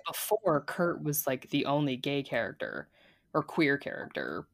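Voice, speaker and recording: A woman's voice: deep voice, very animated, unhurried, creaky. A woman co-hosting a podcast, talking casually with frequent laughs and fillers. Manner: chatty, laughs often, lots of fillers. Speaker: podcast co-host.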